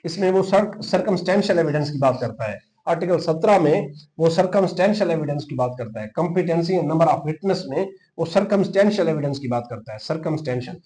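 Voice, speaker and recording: Brisk, with few pauses, this slightly high, mellow-voiced man speaks with lively intonation while teaching a law exam-prep class informally. He explains, dictates notes, and repeats key terms, blending English legal vocabulary into Urdu in a Pakistani accent. The recording is rough.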